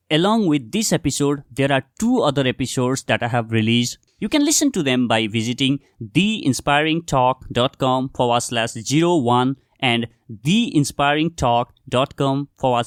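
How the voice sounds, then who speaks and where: A man's voice: mid-range voice, dry recording, clean studio sound. A young man from Nepal, hosting his podcast in an earnest, scripted monologue that talks straight to the listeners. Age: young adult. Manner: earnest, addresses listeners directly as "guys". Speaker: podcast host.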